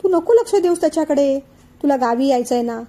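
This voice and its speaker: An older father-in-law, flustered and eager to please, as a woman narrator reads him. He soothes and hesitates in a high, mellow voice. Audiobook family drama. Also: animated, brisk. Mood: placating. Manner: hesitant, placating.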